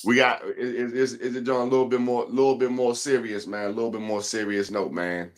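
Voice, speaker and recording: A man's voice: mid-range voice, little pitch movement, brisk. Middle-aged male sports-show host, casual slangy talker, repeats himself.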